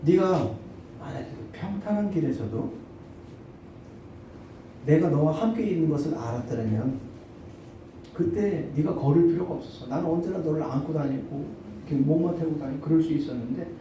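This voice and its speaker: A male pastor voicing a gentle, patient Jesus who speaks softly and quietly in a sermon story. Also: on the high side, a little hiss or hum, close to an everyday voice. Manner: soft, quiet. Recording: echoey church hall from far off.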